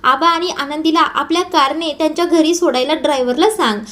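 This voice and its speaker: A woman's voice: sits high, fairly quick, a bit bright. A woman voicing a short-tempered young male factory owner who talks in a curt, commanding way. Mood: stern.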